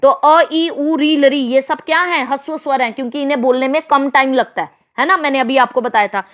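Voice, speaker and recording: A woman teaching a grammar lesson to children, spelling out letters step by step and checking with questions. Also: high voice. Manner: slow, spelled-out explanations with frequent checking questions.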